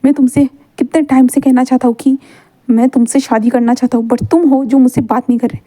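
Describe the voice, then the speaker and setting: A woman's voice: sits high, steady tone, fairly quick, mellow, no echo. A woman voicing an earnest male teacher in a fan story read aloud. He insists and repeats his declarations. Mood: insistent.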